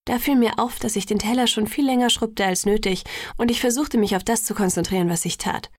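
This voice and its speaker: A woman reading a first-person story aloud as an audiobook narrator, in a measured storytelling manner. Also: on the high side, no echo, clean studio sound. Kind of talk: scripted narration.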